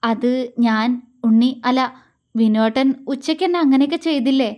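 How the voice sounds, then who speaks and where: A bashful young heroine in an audio romance, faltering and hesitant, breaking off and restarting her sentences. She is voiced by a woman narrator with a high voice and soft delivery. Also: lightly acted. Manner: hesitant, halting speech. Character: shy, timid young woman in love.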